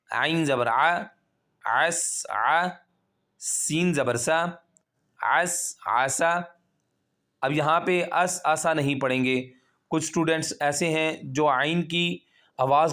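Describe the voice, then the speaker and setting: Man teaching careful slow recitation. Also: on the high side, fairly bright tone. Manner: drawn-out syllable-by-syllable spelling, then brisk instructive asides. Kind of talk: slow spelled-out tajweed drill with quick explanations.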